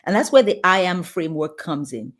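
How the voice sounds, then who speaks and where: A woman with a somewhat low voice answers interview questions earnestly. She talks with emphasis and often restarts her phrases mid-thought. She sounds like a guest sharing her experience. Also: big pitch swings, fairly quick. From Nigeria. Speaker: guest pediatrician and leadership coach.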